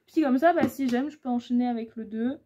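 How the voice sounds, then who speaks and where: A woman's voice: fairly high pitch, brisk, dark tone, slight background noise. A woman in her twenties chatting casually about her reading pile, rambling with lots of fillers. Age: 20s. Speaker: booktuber. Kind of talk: casual book haul chat.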